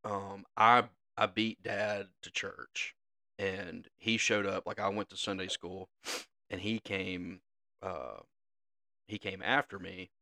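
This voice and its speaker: Young co-host, animated laughing storyteller, bright and crisp tone. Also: male voice, low voice, takes it slowly. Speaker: podcast co-host. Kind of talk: casual storytelling.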